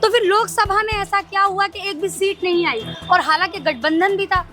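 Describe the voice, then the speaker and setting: Very high, bright-voiced woman reporter. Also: normal speed, soft background music. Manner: probing questions. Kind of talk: news interview.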